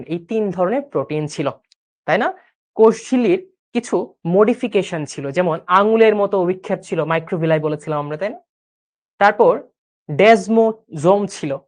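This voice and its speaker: A young man, a biology tutor running a brisk recap lesson online, firing questions and checking in often. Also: high-pitched. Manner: mixes English words into his speech.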